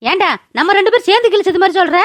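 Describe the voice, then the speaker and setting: A woman's voice: very fast, no room sound. A woman voicing a scheming, argumentative younger sister defending herself, in a cartoon. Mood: defensive. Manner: shrill and argumentative. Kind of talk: cartoon voice acting.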